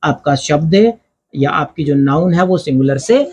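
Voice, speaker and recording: A man with an Indian accent teaches English grammar at a blackboard, explaining each step and answering the questions he asks. His voice runs on the high side, slightly rough with a darkish tone, at a measured pace.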